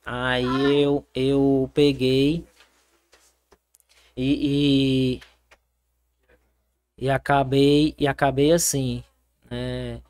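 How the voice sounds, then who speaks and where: Brazilian man, young, podcast guest, animated storytelling, lots of fillers. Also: mid-range voice, very slow, long pauses, clean tone. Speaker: guest, soldier and triathlete. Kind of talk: casual interview.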